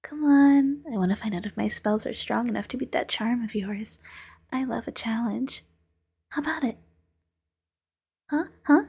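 A woman voicing a playful, teasing female demon who hypnotizes, in a soft-spoken, coaxing, whispery ASMR roleplay manner. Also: fairly high pitch, normal speed, pauses often, exaggerated voice. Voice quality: whispery, breathy.

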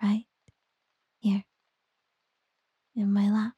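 A woman doing a whispered ASMR girlfriend roleplay, soft, teasing and doting. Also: medium pitch, monotone, drawn-out words, slightly rough, dry recording, lo-fi sound.

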